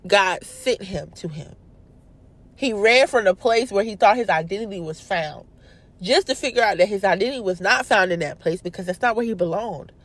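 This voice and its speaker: A woman's voice: medium pitch, moderate pace. Young woman host, casual faith talk, emphatic with slight stumbles. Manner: stumbles over words, animated and emphatic. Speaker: prayer video host.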